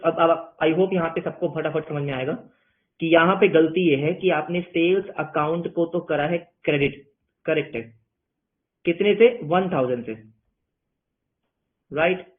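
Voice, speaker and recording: A man teaching an accounting class online in a playful way, asking questions and answering them himself in his students' voices. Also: on the high side. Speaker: commerce teacher. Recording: tinny phone-like sound.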